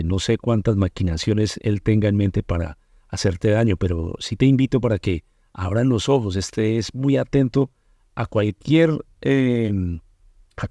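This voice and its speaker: Pastor, male, low mellow voice, dry sound, patient explainer who answers his own questions. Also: dry recording. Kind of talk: bible study teaching.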